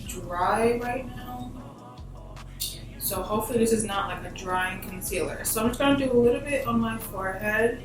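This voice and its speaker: Her voice a bit bright and on the high side, a young American woman gives a slangy, emphatic, casual step-by-step makeup tutorial as a beauty vlogger. The recording has a distant mic, a very echoey room and background music.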